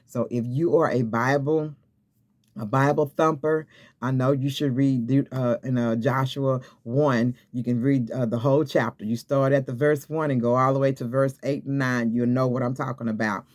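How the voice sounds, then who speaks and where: At a moderate pace and with fairly even intonation, a man of medium pitch delivers a casual sermon to camera. There's lots of repetition and exhortation, with many restarts and regular "okay?" checks.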